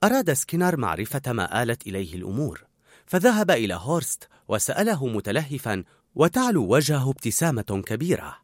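A man narrating a children's story aloud in an animated, expressive way. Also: medium pitch, brisk, no echo, studio quality.

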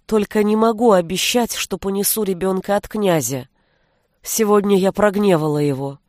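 A woman's voice: medium pitch, normal speed, a little mellow, no echo, clean studio sound, natural voice. A woman reading an audiobook, voicing a fierce, defiant young forest witch who speaks with an angry, raised voice. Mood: resigned.

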